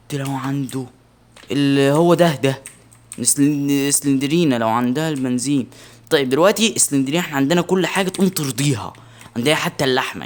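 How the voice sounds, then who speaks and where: An excitable young man with an Egyptian Arabic accent, giving let's-play commentary on a horror game, yelping in alarm and muttering to himself. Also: mid-range voice. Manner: excitable, shouts in alarm, mutters under breath. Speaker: gaming channel host.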